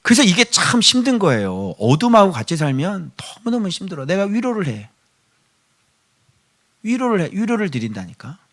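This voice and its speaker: Impassioned Korean pastor, whisper to shout. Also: male voice, sits high, big pitch swings, moderate pace, long pauses. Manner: swings from hushed whispers to loud impassioned pleading; asks the congregation rhetorical questions. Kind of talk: sermon.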